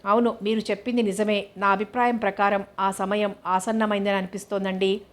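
Woman voicing a calm, firm mother. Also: mid-range voice, brisk, lightly acted.

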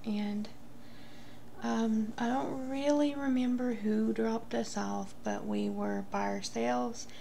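A woman in her thirties telling a casual, confessional story to camera in a gossipy, rambling way with halting tangents. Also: a little high, fairly even intonation, gravelly, mellow, a little hiss or hum. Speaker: vlogger. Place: small room at home, indoors.

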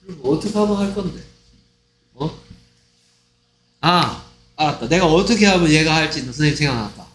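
A man teaching an English lesson for a school exam. He speaks Korean with a Korean accent, draws out English phrases slowly and keeps asking whether the class has followed. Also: a little high, animated, a bit bright, soft background music. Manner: repeats "됐습니까?" to check understanding; slow, drawn-out delivery of English phrases.

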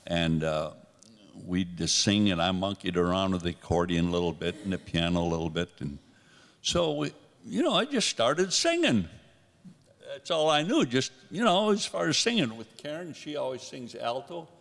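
Speaking into a handheld mic in a church sanctuary, an older guest singer gives his testimony through rambling stories that poke fun at himself, casual talk for the congregation. His low voice is creaky and a bit bright, very animated at a moderate pace, and long hall reverb trails each line.

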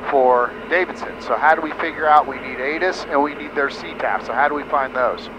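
A middle-aged American man gives hands-on flight instruction over an aviation headset, explaining step by step in a brisk, mid-range voice. He is in a small airplane cockpit in flight, and the headset audio is muffled with engine noise behind it.

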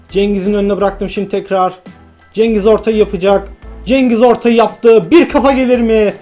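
A man giving live commentary over his own football video game match, bursting with excitement on goals and muttering to himself when things go wrong. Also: high-pitched. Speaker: gaming YouTuber.

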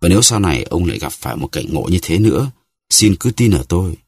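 A man's voice: deep voice, big pitch swings, fast talker, a little mellow, breathy edge, no echo, full character voice. A man voicing a jealous, reproachful lawyer's wife who pleads and sighs in a novel reading. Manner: pleading, sighing.

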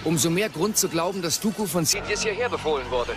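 A man's voice: on the high side, animated, fast talker, lightly acted. A man playing a seasoned, alert starfighter pilot with a dry, wry streak in a German audio drama. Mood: focused, wry. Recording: loud music and engine noise behind.

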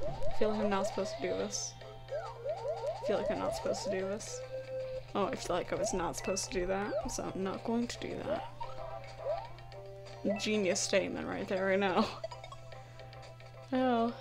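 A woman's voice: medium pitch, huge pitch swings, a little slow, pauses often. A woman giving casual let's-play commentary at home, giggly and self-mocking, with frustrated outbursts at the game. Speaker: gaming YouTuber. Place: home at night, keeping quiet. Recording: game music behind the voice.

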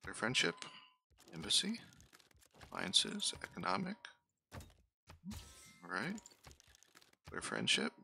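Male game host, bright, lively delivery, self-deprecating let's-play chatter. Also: lowish voice, slow, creaky, pauses often, slight background noise. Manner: mutters running asides to himself and his units. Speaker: gaming channel host. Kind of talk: casual let's-play commentary.

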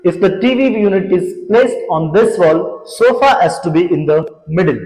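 High, expressive, and a little mellow, the voice belongs to a young renovation company founder from India. He moves through the empty apartment's large rooms explaining the planned work in a measured, presenting style, picking out features for a scripted walkthrough. The lapel-mic audio carries room echo and background music.

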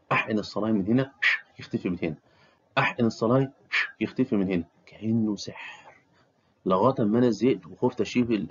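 A man's voice: on the low side, highs cut off, a little hiss or hum. A middle-aged man with an Egyptian Arabic accent, a doctor giving casual career advice, who repeats key phrases and uses many fillers.

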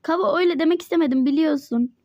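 High-voiced girl in game role-play. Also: a little mellow, no room sound, dull audio. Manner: chatty, playful, quick back-and-forth. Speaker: Toca Life roleplay player voicing Mike.

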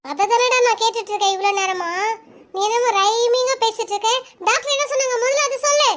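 A performer voicing an excitable old grandmother in a cartoon, scolding and rambling in a fluster. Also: very high-pitched, fast. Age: over 60. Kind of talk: cartoon voice acting.

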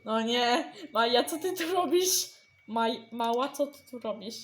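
A woman's voice: fairly high pitch, lively intonation. A young woman acting out a Minecraft roleplay, firing off one exasperated question after another. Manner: exasperated, rapid-fire questions.

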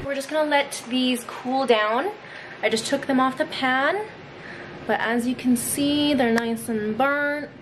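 In this casual cooking vlog, a young woman from a Filipino heritage family chats upbeat in her home kitchen, walking through each step of a family recipe. Her voice is high-pitched and a little slow, and the background is noisy.

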